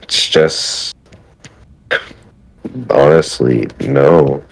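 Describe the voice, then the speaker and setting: Very deep gravelly podcast guest. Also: male voice, poor audio. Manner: hesitant, laughs often, halting answers. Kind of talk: casual podcast chat.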